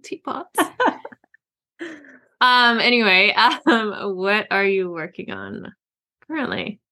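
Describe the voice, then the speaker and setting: She co-hosts a book podcast and is an author herself, and her casual chat bubbles with fillers and giggles. Her mid-range voice is very animated yet slow, with a pushed, bright quality.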